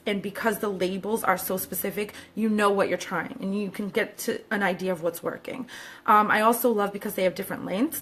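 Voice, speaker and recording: A woman's voice: mid-range voice, a bit bright. A woman fashion stylist answering viewer questions in a chatty, upbeat way, with many fillers and side remarks. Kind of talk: casual chat to camera.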